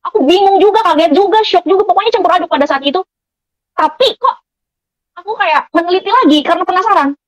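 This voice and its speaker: A woman's voice: extremely high pitch, fast, dry recording, rough recording. A woman giving an emotional personal testimony, speaking earnestly to her listeners as friends, with many fillers.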